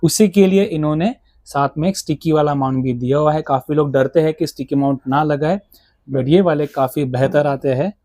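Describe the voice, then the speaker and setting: With a slightly high, mellow voice and moderate pace, an Indian-accented man selling motorcycle gear explains products thoroughly in conversational Hindi and English, moving between the two. The sound is clean studio quality with no echo.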